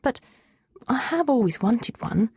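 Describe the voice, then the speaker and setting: A dramatic, squeamish teenage girl in an audiobook, her voice pitched up high and whiny, as a woman narrator puts her on. She protests everything. The recording is dry and close. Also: sing-song, unhurried, a little mellow, husky, no echo, full character voice. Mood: breezy.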